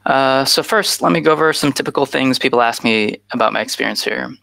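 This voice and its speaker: The guest speaker is a US man in his thirties presenting at a conference via video call on a headset; he is earnest and casual, often saying "uh." He speaks a little fast in a medium-pitched, gravelly, pushed and bright voice, with no room sound.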